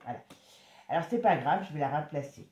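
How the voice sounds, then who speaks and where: A woman giving a casual tarot reading, chatty and exclamatory, sometimes dropping to a soft murmur. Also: deep voice, lively intonation, roomy sound, a little hiss or hum. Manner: chatty, exclamatory, halting with restarts; drops to a soft murmur when concentrating. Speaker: tarot reader.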